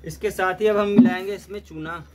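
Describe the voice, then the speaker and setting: A man giving a steady, step-by-step gardening demonstration, often mixing English terms into his explanations. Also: sits high, fairly quick, a loud crowd. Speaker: gardening instructor.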